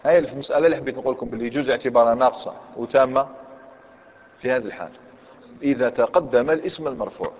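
Male Algerian grammar teacher in a classroom lesson, mid-pitched voice, lo-fi hall recording. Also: very fast. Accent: Algerian Arabic. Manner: questions students and repeats key points; reads the commentary text aloud, then explains. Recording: echoey hall, dull lo-fi sound.

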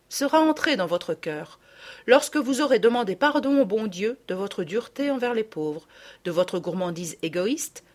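A stern, composed lady guardian from a storybook, voiced by a woman narrator, laying down punishments in a calm, measured and severe tone. Her delivery is even on the surface but moves through a lively spread of pitch. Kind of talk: audiobook reading.

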